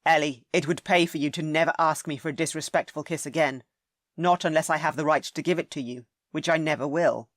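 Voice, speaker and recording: Guarded duke, low and firm, each word measured, read by a woman narrator. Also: steady tone, dry recording, studio quality, close to an everyday voice.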